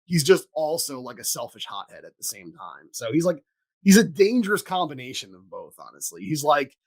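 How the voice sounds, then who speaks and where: A man's voice: fairly high pitch, very animated, fairly quick. A man hosting a podcast in casual chat, rambling with lots of fillers and restarts. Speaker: podcast host.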